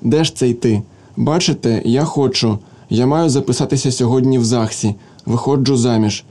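A man reading a story aloud, voicing a plain, quiet young woman typist who speaks timidly and awkwardly. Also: medium pitch, normal speed, lightly acted. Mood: shy.

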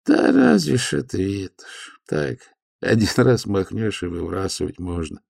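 A sly, eccentric old-school stoker monk with a dry, gravelly edge, as a male storyteller puts him on. He feigns innocence, pitching up into squeaky, wry exclamations. The storybook reading is dry and close. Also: animated, measured pace, darkish tone, no room sound, full character voice. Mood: mock innocent.

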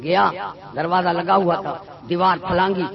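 A man preaching a sermon full of stories, emphatic and swinging between loud and soft. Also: high voice, fairly even intonation, vocal fry. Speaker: Sufi preacher. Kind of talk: sermon with storytelling. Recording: dull lo-fi recording with a loud crowd.

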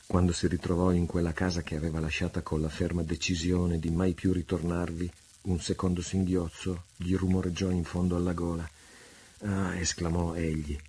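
A man narrating a classic adventure novel in a measured, dramatic reading. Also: deep voice, darkish tone, slight background noise. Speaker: audiobook reader. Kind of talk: literary audiobook narration.

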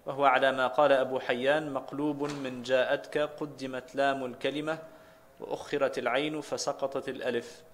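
Flat-voiced man reading a religious text. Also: mid-range voice, fairly quick, slight background noise. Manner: steady recitation of quotes and chains of names. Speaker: student reading the text aloud.

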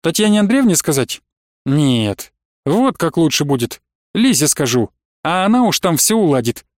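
Storybook joker, young and good-natured, as a man reads him, teasing in a dry, fairly high voice. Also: big pitch swings, moderate pace, darkish tone, dry recording. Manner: teasing, jovial.

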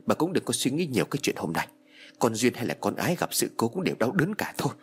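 A man's voice: medium pitch, very animated, fast talker, husky. A man voicing a domineering wealthy old matriarch with a cold, commanding manner. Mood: stern.

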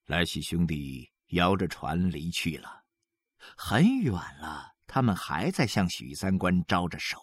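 A man's voice: low-pitched, animated, a little slow, breathy edge, no room sound, studio quality. A man narrating a literary novel as an audiobook, dramatic and emotionally varied, with faint music behind.

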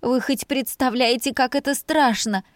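Anguished young woman , voiced by a woman reader, sobbing and accusing, pitched higher than the narration. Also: moderate pace, no room sound, studio quality, lightly acted.

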